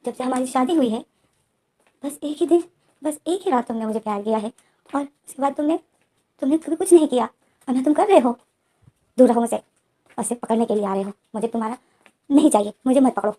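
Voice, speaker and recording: A woman's voice: brisk, long pauses, warm tone. A woman voicing a tearful, sulking young man. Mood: tearful, angry. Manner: upset, pleading, rising to shrill complaint.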